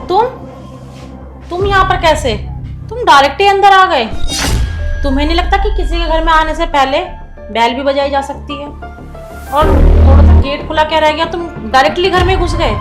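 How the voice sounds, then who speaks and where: A woman's voice: high voice, roomy sound, close to an everyday voice. A woman playing a pleading young tenant. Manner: pleading, defensive, explanatory. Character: struggling young female tenant, pleading but firm. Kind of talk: low-budget comedy film acting.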